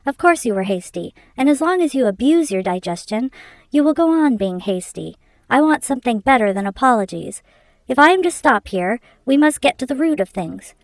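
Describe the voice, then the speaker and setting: A woman's voice: sits high, dry recording, pitched above the performer's own voice. A woman reading aloud, voicing a bold young man who lectures and commands his elderly employer.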